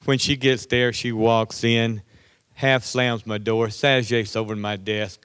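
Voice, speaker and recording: Guy giving a speech at a conference, storytelling and doing the quotes himself, smooth clear voice, dry sound. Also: medium pitch, flat delivery, slow pace, a bit bright, dry recording. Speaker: conference speaker. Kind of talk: political speech with anecdotes. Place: conference hall.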